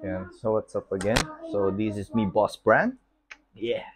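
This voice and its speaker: A Filipino man who owns a computer shop chats casually in a vlog, easygoing, laughing often and a little out of breath. His voice is fairly low and measured, with heavy background noise.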